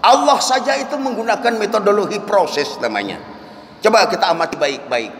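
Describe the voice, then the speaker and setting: A man preaching a dawn lecture in a mosque, telling stories with lively swings and chanting verses. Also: high voice, normal speed. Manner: animated storytelling with chanted Quran verses. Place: mosque hall. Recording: echoey hall, faint room noise.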